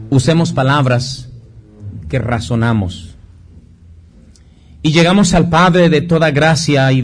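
A man's voice: mid-range voice, a little hiss or hum. A Mexican man preaching a sermon, telling personal stories, acting out dialogue, with frequent restarts. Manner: storytelling preacher who acts out dialogue with many restarts. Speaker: pastor.

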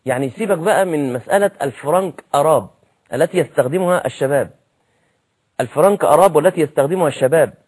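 A man with an Egyptian accent gives a religious lesson, his voice husky and set a little high for a man. He talks earnestly and says his main points twice over to drive them home. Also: fast talker, a little mellow. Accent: Egyptian Arabic. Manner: earnest, repeats key phrases for emphasis. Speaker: preacher.

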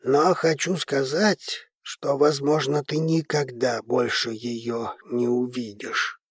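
Male reader as an old family head; calm, measured, very slow; audiobook. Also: mid-range voice, slightly rough, no echo, studio quality. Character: calm, commanding old grandfather patriarch. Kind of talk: audiobook character reading.

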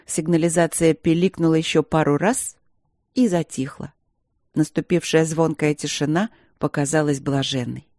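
A narrator reading a novel aloud in an even, measured way. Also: mid-range voice, no echo, clean studio sound. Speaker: audiobook narrator. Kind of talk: scripted narration.

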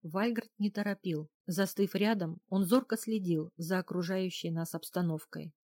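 A woman narrating a first-person audiobook in a calm, even storytelling manner. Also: lowish voice, moderate pace, no room sound, studio quality.

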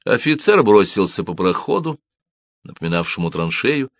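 Low-voiced man narrating dramatically. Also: normal speed, no echo, studio quality. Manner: dramatic, animated reading. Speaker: audiobook narrator. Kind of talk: expressive audiobook narration.

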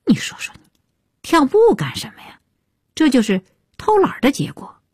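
A woman voicing a proud mother who pretends to be calm while fussing over her son's test. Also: sits high, very fast, dry recording, in a whisper, clean studio sound, pitched above the performer's own voice. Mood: smug. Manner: feigned calm, insincere. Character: proud mother feigning calm about a score.

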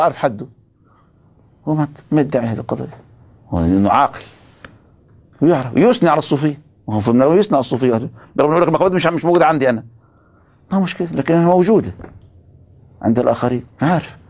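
A man's voice: fairly low pitch, darkish tone, husky. A man giving a religious philosophy lecture, emphatic and stopping often to ask his students rhetorical questions.

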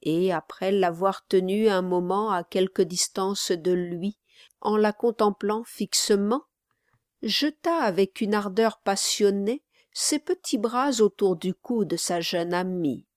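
A woman reading a classic novel aloud as audiobook narrator, slow and measured. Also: medium pitch, no room sound, clean studio sound. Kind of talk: scripted narration.

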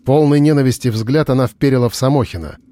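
A man reading an audiobook narration in a steady, even storytelling voice. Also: medium pitch, quick pace, dry recording. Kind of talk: scripted narration.

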